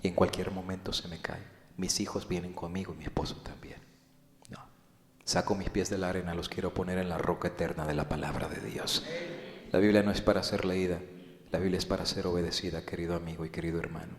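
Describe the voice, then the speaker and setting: A man with a low voice preaches a sermon to his congregation. He swings from loud, urgent appeals to hushed, whispered pleading. The hall around him is roomy, with a long reverb. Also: little pitch movement, fast, vocal fry. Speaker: pastor. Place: church hall. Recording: echoey hall.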